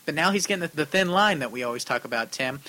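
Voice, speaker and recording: A man co-hosting a casual arcade-repair podcast, reading out listener questions and chatting in a lively, talkative way, with his voice starting to go. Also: a little high, fast talker. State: losing his voice. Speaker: co-host answering viewer questions on arcade repair.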